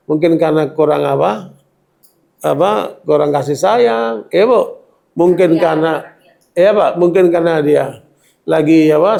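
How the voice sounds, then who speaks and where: Man, preacher, religious lecture, high voice, gravelly, colloquial, checks in with the audience. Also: darkish tone. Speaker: Islamic preacher.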